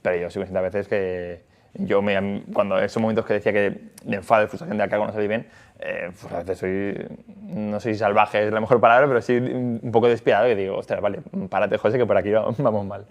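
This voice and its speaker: A man's voice: on the low side, fairly even intonation, fairly quick. A man talking casually about work and family, with many hesitations and restarts. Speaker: factory worker and father. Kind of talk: casual conversation.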